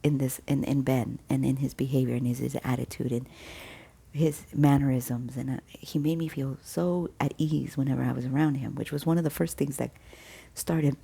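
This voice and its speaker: Low, gravelly woman telling a story. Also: steady tone, moderate pace, warm tone. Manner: chatty, acts out quoted dialogue with restarts. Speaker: vlogger sharing a faith testimony. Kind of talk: casual personal storytelling.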